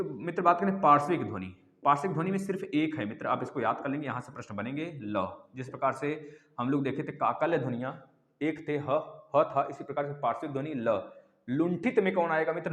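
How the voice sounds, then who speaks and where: A man giving an online exam-prep lesson at a medium pitch. He talks in an animated way, repeats each sound aloud and calls his listeners friends. His voice rings around an echoey room with a long reverb tail. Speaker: teacher.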